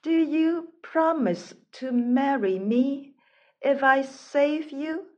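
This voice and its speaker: A woman voicing a gentle young mermaid from a storybook, speaking softly. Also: high-pitched, slow pace, highs cut off, voice pushed up. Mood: hopeful. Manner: soft, gentle.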